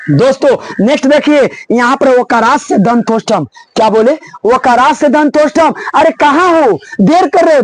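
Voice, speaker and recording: A man teaching grammar for board exams, repeating each point and urging students on loudly. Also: extremely high pitch, dry recording, rough recording. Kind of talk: board-exam lesson.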